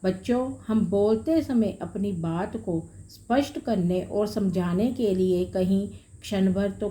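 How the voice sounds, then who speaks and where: A woman teacher walks her pupils through a grammar lesson at an unhurried pace, calling them children and dear. Her voice is warm and mellow, and she builds each point from simple worked examples. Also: mid-range voice. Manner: explains slowly with worked examples.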